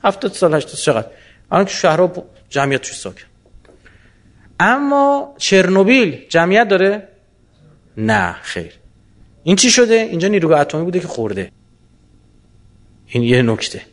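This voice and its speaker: A man answering audience questions in a colloquial lecture, animated and full of rhetorical questions. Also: sits high, long pauses.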